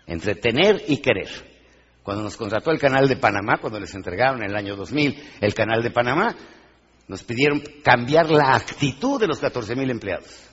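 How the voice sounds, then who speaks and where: A man giving a live motivational talk, animated and questioning his audience, acting out little scenes. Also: medium pitch, moderate pace, slightly rough. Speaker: motivational speaker. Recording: dull, reverberant hall sound.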